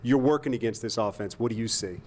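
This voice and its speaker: A man's voice: medium pitch, fast, darkish tone, slight background noise. Upbeat male TV sports host outdoors. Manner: upbeat, leading questions. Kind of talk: broadcast interview. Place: outdoors at a golf event.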